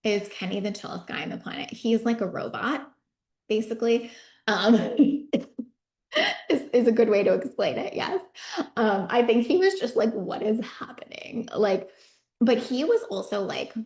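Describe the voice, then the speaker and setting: A woman's voice: fairly high pitch, lively intonation, moderate pace, a little mellow. A woman host giving a casual, chatty personal update to her online group, full of fillers and swearing, and reading chat replies aloud. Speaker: business coach and host. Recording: echoey room.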